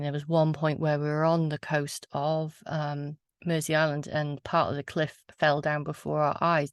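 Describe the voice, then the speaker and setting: Woman, low gravelly voice, earnest storyteller, thoughtful and a bit hesitant. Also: no echo, clean studio sound. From Wales. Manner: reflective, earnest, with hesitant fillers. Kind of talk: casual talk and poetry reading.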